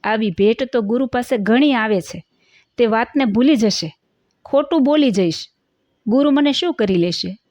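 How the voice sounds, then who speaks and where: A woman's voice: a little high, normal speed, darkish tone, no room sound, natural voice. A woman voicing a scheming older woman devotee who suffers in hell, speaking in a pleading, then indignant, manner. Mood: defiant.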